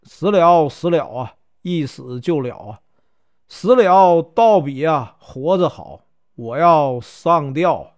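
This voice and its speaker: A ragged, cheeky monk who jokes and needles, his voice leaping high and swooping through a wide range, as a male storyteller with a Northeastern Mandarin accent puts him on. The teasing comes with a mocking lilt, like a prankster playing the fool in a spoken folk tale. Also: animated, takes it slowly. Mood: lamenting. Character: scruffy, playful, teasing old monk.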